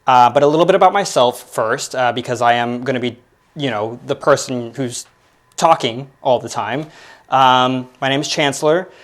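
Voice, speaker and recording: A man's voice: mid-range voice, normal speed. Rambling young man hosting a podcast. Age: 20s. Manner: rambling, filler-heavy, self-deprecating. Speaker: podcast host. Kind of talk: casual solo commentary.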